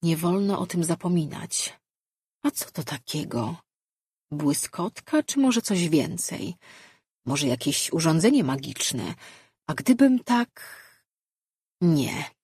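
A woman's voice: sits low, very animated, slow pace, pauses often, a little mellow, husky, no echo, studio quality, exaggerated voice. A woman reading the inner thoughts of a scheming witch, musing in a suspicious, half-spoken way.

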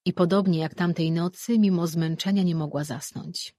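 An audiobook narrator reading a fantasy novel in an even, steady storytelling manner. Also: mid-range voice, moderate pace, dry recording, studio quality.

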